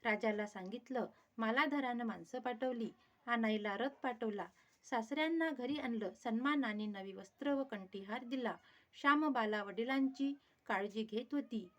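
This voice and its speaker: Woman narrating a devotional tale. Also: a little high. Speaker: storyteller. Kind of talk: devotional story reading.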